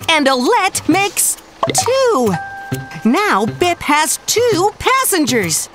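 An actor voicing a kindly, patient panda doctor in a children's cartoon, narrating and coaxing viewers with questions. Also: male voice, extremely high pitch, exaggerated voice. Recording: voice over loud background music.

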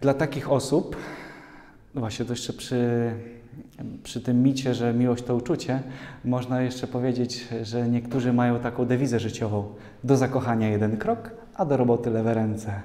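A priest giving a lively sermon to young people, telling stories and jokes. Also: male voice, medium pitch, normal speed. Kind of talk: sermon to a youth community. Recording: echoey hall.

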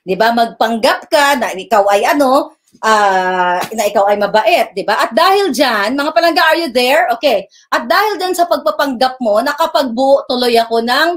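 High-voiced woman on a live stream, mocking, heated, loud then low. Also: expressive, normal speed. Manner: mocking, heated, swings between shouting and low asides. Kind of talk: combative live-stream rant.

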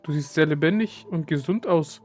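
A man's voice: a little high, moderate pace, soft background music, close to an everyday voice. A man reading aloud the lines of a woman who looks after young saurians. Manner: reads game lines aloud, with slips.

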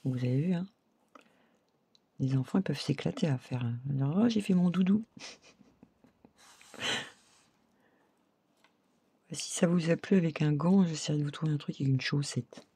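Middle-aged woman, chatty craft-tutorial host, husky dark voice, talks straight to viewers. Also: deep voice, normal speed, long pauses, no echo. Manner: chatty, laughs often, addresses viewers directly. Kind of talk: casual craft tutorial talk.

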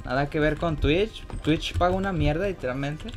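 A young man talks through a game in loose, chatty commentary, swearing freely. His voice sits a little high for a man. Faint music and keyboard clicks run under him. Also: normal speed. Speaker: gaming YouTuber host. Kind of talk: casual gaming commentary.

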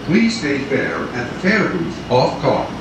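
A man's voice: very animated, slow pace. A man making formal, polite transit announcements over the intercom inside a light rail car. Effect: over the intercom on a train. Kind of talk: recorded public announcement. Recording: echoey distant train loudspeaker with rumble. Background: train noise and air conditioning.

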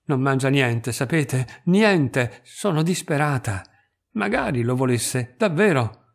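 A man's voice: medium pitch, lively intonation, takes it slowly, creaky, exaggerated voice. A man voicing an anxious, fretful lady of about thirty, exclaiming in despair.

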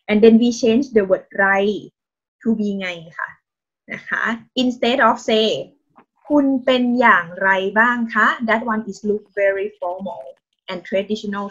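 Over a lo-fi video call, a woman with a Thai accent teaches Thai in a mid-range, somewhat bright voice, mixing in English. Patient and encouraging, she praises her student constantly and uses polite particles.

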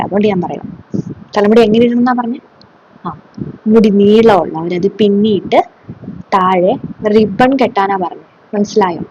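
A woman's voice: mid-range voice, mellow, dull audio, slight background noise, natural voice. A woman playing a strict schoolteacher who lectures and scolds her class sarcastically. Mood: lecturing. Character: strict scolding female schoolteacher, middle-aged. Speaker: comedy sketch creator. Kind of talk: solo comedy sketch.

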